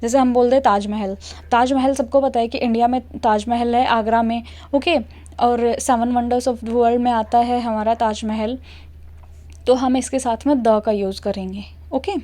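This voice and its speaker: Young Indian woman, patient English teacher, slightly high voice with a mellow tone, checks in often. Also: fairly even intonation, unhurried. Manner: patient, checks understanding with "okay" and "clear?". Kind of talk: classroom explanation.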